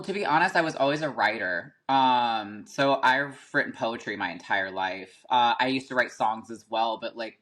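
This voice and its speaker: A rapper appears as a podcast guest, telling stories in a casual interview. His mid-range voice is bright and forceful, and he's chatty, packing his speech with fillers like "like" and "um".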